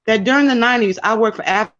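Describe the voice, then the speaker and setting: A woman's voice: on the high side, quick pace, a bit bright. Woman on a crackly, dropping call line. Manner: emphatic, rambling with restarts. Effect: crackly, dropping remote call line. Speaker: call-in guest. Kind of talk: casual talk show discussion. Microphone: remote call. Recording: dull lo-fi call audio.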